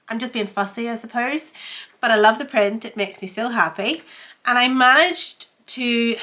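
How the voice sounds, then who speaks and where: A medium-pitched woman with a bright, forceful tone sounds congested from a head cold. Hosting a sewing vlog from her home sewing room, she chats casually while feeling under the weather.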